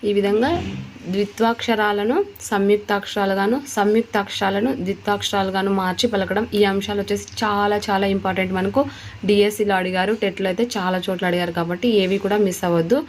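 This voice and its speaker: A woman's voice: medium pitch, level tone, fast talker, a little hiss or hum. A woman teaching an exam-prep lesson, explaining step by step and repeating key terms.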